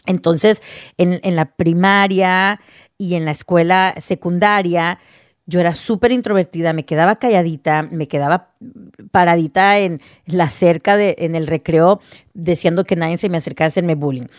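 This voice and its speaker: A woman from the United States, first New Jersey and later Texas, casually and candidly tells personal stories in Spanish, mixing in English words. Her voice is on the low side and moderately paced, captured in a dry, studio-quality recording.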